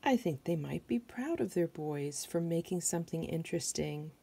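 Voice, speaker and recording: Reading a picture book to young listeners, a middle-aged American woman tells the story with asides, asking simple questions and making observations. She speaks at a normal speed in a deep, expressive, warm voice that is husky with vocal fry.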